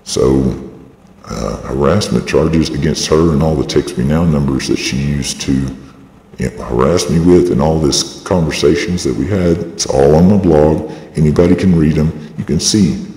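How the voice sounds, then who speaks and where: At a moderate pace and in a mellow tone, a video blogger rambles through an aggrieved, insistent personal statement. A voice changer lowers his voice, leaving it processed and echoey with long reverb.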